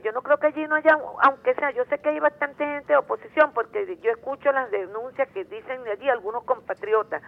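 A woman's voice: high voice, gravelly. A woman with a Venezuelan accent calling into a radio show over a phone line, talking emphatically and repeating words as she searches for them. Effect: heard over a phone line. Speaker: caller.

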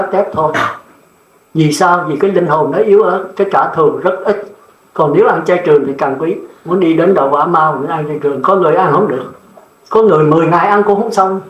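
High-voiced older monk preaching, echoey. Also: male voice, dull audio. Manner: blunt, plain-spoken, often asks "nghe không?". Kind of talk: dharma talk sermon.

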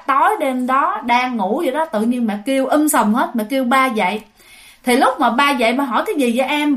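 A woman's voice: on the high side, a bit bright. A woman telling a ghost story in a chatty way, often turning to her listeners directly. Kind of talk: spoken ghost story narration.

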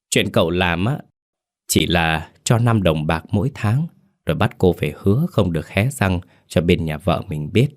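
A man narrating a sad folk story in a dramatic storytelling manner. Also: low-pitched.

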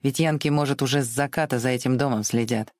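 A reader voicing a gruff, grizzled old man in an audiobook, curt and commanding, with a grating edge. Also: medium pitch, fairly even intonation, fast talker, a little mellow, dry recording, clean studio sound, close to an everyday voice. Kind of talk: audiobook reading.

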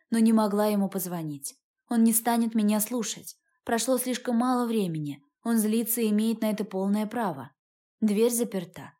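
A woman narrating a first-person audiobook in a steady, measured reading. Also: medium pitch. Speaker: audiobook reader.

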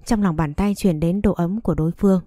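Female storyteller, steady reader; low, dark, dry. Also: a little fast, no echo, soft background music. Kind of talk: story narration.

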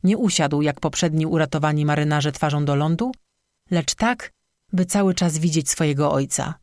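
An audiobook narrator reading a legend in a steady, measured scripted narration. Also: mid-range voice, no echo, clean studio sound.

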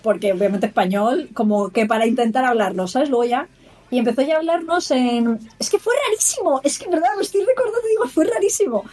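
Woman, a bit high-pitched, casual and animated podcast co-host mimicking others as she tells a story. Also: fast. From Spain. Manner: animated, quotes people in put-on voices.

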